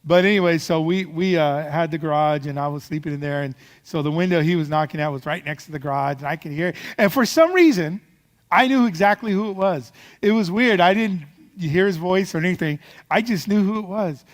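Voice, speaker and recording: A man's voice: fairly high pitch, a little fast, big-room sound. A man preaching a sermon as pastor, telling a story in a loose, rambling way with many fillers and restarts.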